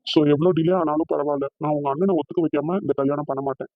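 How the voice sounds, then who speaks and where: A man voicing a loving young fiancé in a cartoon, gentle and reassuring. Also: fairly high pitch, steady tone, dry recording, narrow, tinny audio. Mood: earnest. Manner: gentle, reassuring, fast-talking. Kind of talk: cartoon voice acting.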